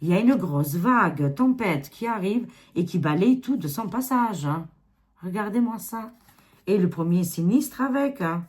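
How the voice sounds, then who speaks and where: A woman's voice: mid-range voice, expressive, unhurried, a little mellow. A woman with an Albanian accent reading tarot cards to camera in a rambling, casual way, dropping many fillers. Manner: rambling, filler-heavy, repeats 'hein'. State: tired. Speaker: tarot reader.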